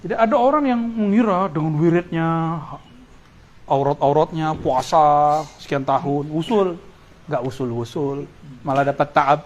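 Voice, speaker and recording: Joking preacher, slightly high voice. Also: male voice, a little slow, highs cut off, a little hiss or hum. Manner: casual and joking, mixes Arabic phrases into the teaching. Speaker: Islamic preacher. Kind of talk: religious study lecture.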